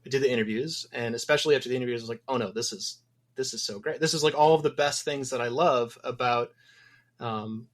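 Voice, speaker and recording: A medium-pitched man talks fast as a guest on a casual podcast interview. He's a game developer from Wisconsin, and he muses thoughtfully, rambling with frequent ums.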